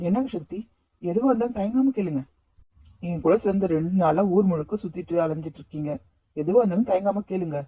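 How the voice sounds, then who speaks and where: A friendly, teasing young man in a cartoon, voiced by an actor. His voice is dark and husky, coaxing and easygoing. The sound is dry and close. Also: medium pitch, fast, no room sound, highs cut off, lightly acted. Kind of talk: cartoon voice acting.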